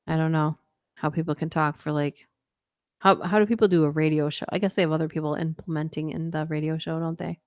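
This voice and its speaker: Hosting a late-night stream, a woman with a low-pitched voice reads ghost stories aloud, interrupting herself with chatty, quickly laughed-off asides. Her voice sounds worn and is tiring, and the audio is clean studio sound with no echo.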